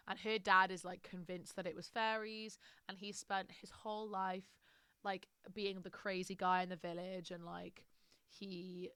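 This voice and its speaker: A woman's voice: medium pitch, fairly bright tone, smooth, no room sound. A British woman streaming, chatting casually and rambling through a book review with lots of fillers.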